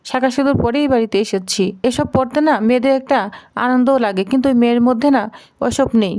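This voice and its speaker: Brief: a woman playing a wary aunt sharing her doubts, confiding, high voice. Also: brisk, darkish tone, close to an everyday voice. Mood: suspicious. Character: suspicious young married woman, gossiping aunt.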